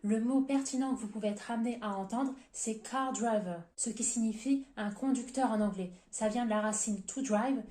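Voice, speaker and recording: A woman giving an exam-prep lesson straight to her viewers, explaining each point step by step in a clear, methodical way. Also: a little high, moderate pace, hardly any pauses, mellow, echoey room. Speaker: TOEIC prep teacher.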